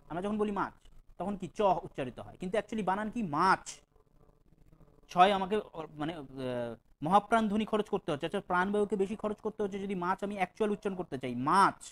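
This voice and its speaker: A male teacher giving an exam-prep lecture, patiently explaining and repeating definitions slowly, demonstrating pronunciation and reciting poem lines aloud. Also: sits high, low-quality recording.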